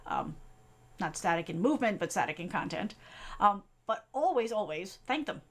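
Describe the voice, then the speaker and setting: Woman from the east coast, middle-aged tech coach, quick chatty delivery, lots of um and right, mid-pitched voice. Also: very animated. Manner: fast, chatty, many fillers and tag questions. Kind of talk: live-stream tutorial talk.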